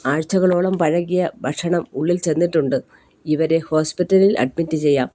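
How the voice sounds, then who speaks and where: A woman's voice: sits low, fairly even intonation, moderate pace, mellow. A woman voicing a blunt middle-aged male doctor who talks in a matter-of-fact way.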